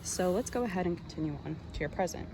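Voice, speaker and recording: A woman's voice: on the low side, lively intonation, quick pace, noisy background. A woman giving a casual, chatty tarot reading straight to the viewer, speaking informally with plenty of slang. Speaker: tarot card reader.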